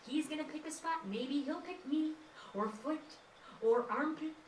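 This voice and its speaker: A woman's voice: sits high, a little slow, slight background noise. A woman leading a kindergarten music lesson, chanting and singing simple tunes and coaxing the children in a sing-song teacher voice. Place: indoor classroom. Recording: echoey room, voice from far off.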